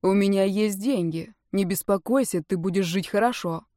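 A woman's voice: medium pitch, moderate pace, warm tone, dry recording, close to an everyday voice. Curt young man, dry and matter-of-fact, read plainly in a dry audiobook recording by a woman narrator.

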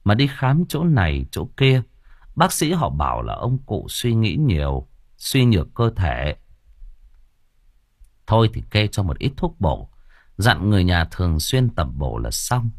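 A man narrating an audio story with a dramatic, expressive storytelling manner. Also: on the low side, measured pace, no echo, studio quality.

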